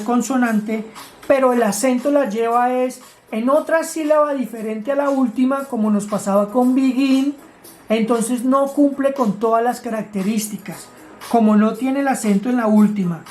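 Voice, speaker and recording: Patient and methodical, a woman who teaches English explains grammar rules step by step while questioning her students. Her voice is fairly high, with a somewhat dark tone.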